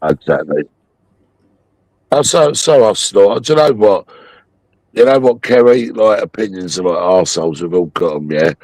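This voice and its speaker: A man's voice: on the low side, expressive, normal speed, long pauses, darkish tone, no room sound, low-quality recording. A Scottish man chatting casually and jokily in late-night banter, swearing freely and repeating himself.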